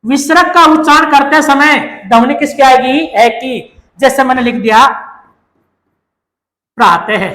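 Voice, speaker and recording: A woman's voice: high-pitched, steady tone, normal speed, a bit bright. A woman, teaching a grammar lecture. She poses questions and answers them herself, repeating the key terms. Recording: echoey room.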